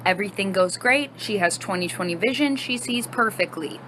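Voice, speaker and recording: A woman in her thirties telling a casual, animated storytime and acting out the other voices. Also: medium pitch, fairly quick, a little hiss or hum. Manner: animated, acts out quoted voices.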